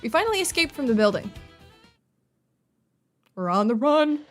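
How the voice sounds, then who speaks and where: Girl streamer, high voice, reads game text out loud n reacts casually, expressive, game music quietly behind. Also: normal speed. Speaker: let's play host.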